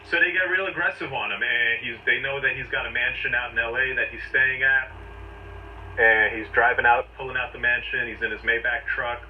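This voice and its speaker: A man's voice: medium pitch, steady tone, brisk. A man giving a conversational legal explainer, telling it step by step in emphatic short phrases. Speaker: legal commentator. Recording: distant, dull, noisy replayed audio.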